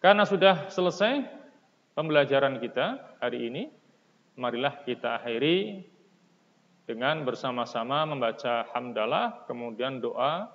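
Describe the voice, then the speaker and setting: A man teaching a recorded distance-learning lesson. He reads each phrase and then explains it slowly and patiently, raising his voice to announce each numbered point. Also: mid-range voice. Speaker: school teacher. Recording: dull, lo-fi sound with long reverb.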